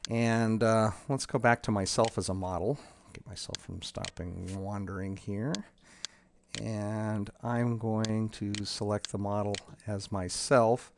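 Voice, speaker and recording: A man casually walking through a demo of his software tool, talking in a halting way with many ums and restarts. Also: fairly low pitch, fairly even intonation, vocal fry, background noise.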